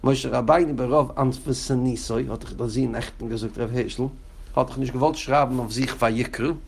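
Gravelly-voiced rabbi teaching a class. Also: male voice, steady tone, normal speed, slight background noise. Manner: addresses students directly by name; chants quoted texts in a raised, sing-song pitch. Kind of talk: Torah class lecture.

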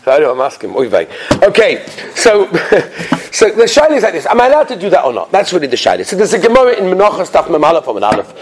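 Male rabbi, high voice, Yiddish-influenced American English, animated lesson, rhetorical questions, sing-song delivery, noisy recording. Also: fast talker. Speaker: rabbi teaching a class.

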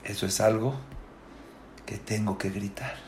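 A man, a rabbi, giving a Torah sermon, dropping to low murmurs and then rising into impassioned shouts, with rhetorical questions and repeated words. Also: little pitch movement, measured pace, roomy sound, slight background noise.

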